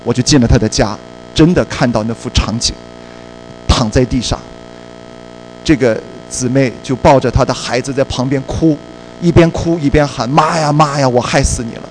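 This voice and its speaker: A male preacher telling a personal story in a sermon, in a lively storytelling way and slipping English words into his speech. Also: medium pitch, normal speed, long pauses, a little hiss or hum, rough recording.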